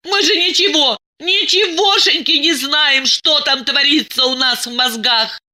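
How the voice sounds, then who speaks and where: A woman's voice: high-pitched, measured pace, bright, forceful tone, voice pushed up, exaggerated voice. A woman reading an audiobook, voicing a furious, jealous woman who shrieks accusations. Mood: accusing.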